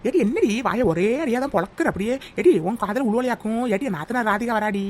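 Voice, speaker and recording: Give me a vain, chatty young village wife in a cartoon, voiced by a woman, a bit high and very quick. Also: lively intonation, a little hiss or hum, close to an everyday voice. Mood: scolding. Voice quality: loud, scolding village banter. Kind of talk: cartoon voice acting.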